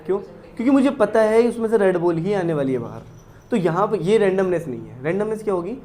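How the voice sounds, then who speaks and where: A man with an Indian accent teaching a maths lesson. He explains step by step, reads English definitions slowly and keeps asking his students if it is clear. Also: high-pitched, sing-song, a little mellow. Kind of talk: classroom lecture mixing Hindi and English.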